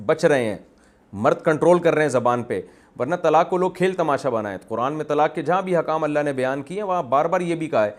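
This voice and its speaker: Emphatic preacher, higher-pitched man. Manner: emphatic, argumentative, repeats phrases for stress. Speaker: Islamic scholar. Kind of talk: religious lecture.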